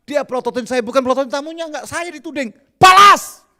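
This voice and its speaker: A middle-aged man with a Javanese accent preaching a lively, joking sermon, swinging from loud bursts to soft whispers. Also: extremely high pitch, rapid-fire. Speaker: pastor.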